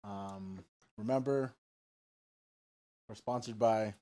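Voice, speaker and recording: A man's voice: fairly low pitch, slow pace, dark tone. A man co-hosting a podcast in casual chat, laid-back and hesitant, with many fillers. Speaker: podcast co-host.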